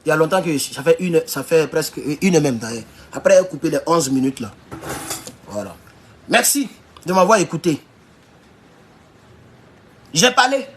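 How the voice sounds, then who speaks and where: A man giving a heated political monologue, hammering rhetorical questions and sometimes shouting. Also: a little high, big pitch swings, normal speed, long pauses, a little hiss or hum. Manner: emphatic, repeats rhetorical questions, bursts into shouting. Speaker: political commentator.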